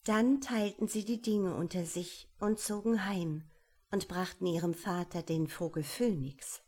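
A woman reading a fairy tale aloud in a calm, measured way. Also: on the low side.

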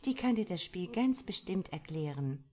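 A woman voicing a flirtatious middle-aged woman who talks in a coquettish, teasing way, her voice lifted higher than her narration. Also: lively intonation, normal speed, a little mellow.

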